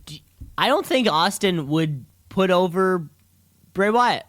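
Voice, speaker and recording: A man's voice: sits high, lively intonation, slow pace, a bit bright. A man co-hosting a podcast, chatting casually and rambling, repeating himself and laughing easily. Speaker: podcast co-host. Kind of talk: casual chat about wrestling.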